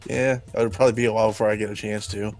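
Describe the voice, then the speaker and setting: A man's voice: on the low side, flat delivery, rapid-fire, a little mellow, soft background music. A man making casual remarks as a companion in a gaming session. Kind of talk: casual chat.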